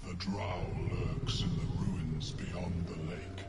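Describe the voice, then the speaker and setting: A man's voice: deep voice, little pitch movement, noisy background. An actor playing an ancient male mushroom sovereign in a game, speaking in a grave, ceremonial way. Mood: commanding. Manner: slow, grave, ceremonial speech. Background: loud game music.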